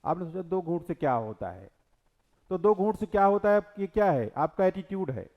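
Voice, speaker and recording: A man's voice: high voice, sing-song, fairly quick, muffled recording. Man lecturing, asking and answering himself. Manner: explains verse line by line, asks and answers his own questions. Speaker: teacher. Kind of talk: classroom lecture.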